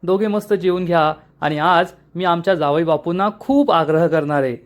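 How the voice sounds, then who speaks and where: A man's voice: on the high side, normal speed, lightly acted. A man voicing an indignant young man who answers irritably and defensively. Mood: irritated.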